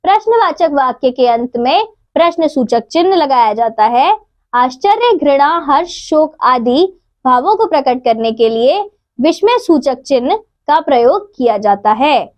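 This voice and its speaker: A woman teaching a grammar lesson to children, reading out examples slowly and clearly. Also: high voice, big pitch swings, a little mellow.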